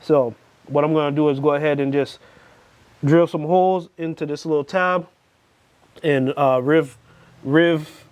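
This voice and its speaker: A man's voice: a little high, steady tone, measured pace, pauses often, a little mellow, no room sound. A man with a Crucian accent from the US Virgin Islands, rambling casually and thinking aloud as he gives commentary on his hands-on workshop build. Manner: unscripted, thinking aloud while working. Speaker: DIY vehicle builder making videos.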